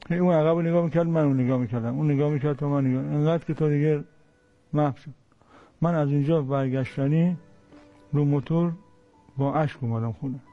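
A middle-aged man, a father, recalling his son in a plain, halting and moved way. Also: a little high. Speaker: father of a fallen soldier. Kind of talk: emotional personal recollection. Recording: muffled lo-fi audio with faint music.

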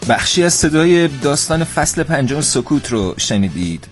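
A man's voice: fairly high pitch, big pitch swings, faint music behind. A man hosting a live radio interview, speaking politely and formally to his guest. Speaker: radio show host.

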